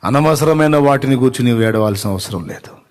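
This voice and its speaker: Male pastor, preaching sermon, emphatic repetition, mid pitch, long hall reverb. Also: lively intonation, a little fast.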